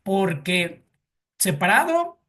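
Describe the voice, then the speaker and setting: Man, Mexican Spanish accent, teacher, slow delivery, hesitant with fillers, quizzes the class. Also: sits high, sing-song, sharp tone. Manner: hesitant, many fillers and repeated words; asks the class questions. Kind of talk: classroom lecture.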